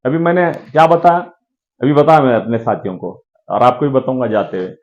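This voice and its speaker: Talking a little fast, a man runs a business training session, addressing listeners as sir and performing short dialogues. He's animated, with big pitch swings, and the audio has its highs cut off.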